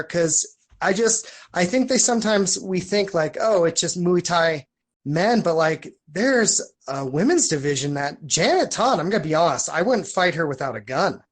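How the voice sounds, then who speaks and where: A woman's voice: fairly low pitch, animated, normal speed. A woman in her thirties co-hosting a casual chat, informal and slangy with a joking streak. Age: 30s. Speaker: podcast co-host.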